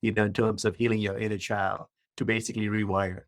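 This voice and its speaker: Low-voiced Malaysian-born man, dry sound. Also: little pitch movement, fast talker, no echo. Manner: explanatory, structured, says "right?" often. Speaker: guest author and coach. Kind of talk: podcast interview.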